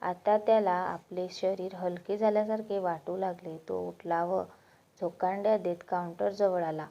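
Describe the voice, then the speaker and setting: A woman narrating a moral story with a steady, unhurried reading. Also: fairly low pitch. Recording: dull lo-fi recording.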